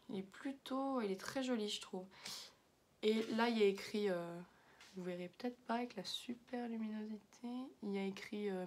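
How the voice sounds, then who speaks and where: Chatty young woman vlogging. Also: mid-range voice. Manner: chatty, lots of fillers and slang. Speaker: beauty vlogger. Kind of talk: casual makeup haul chat.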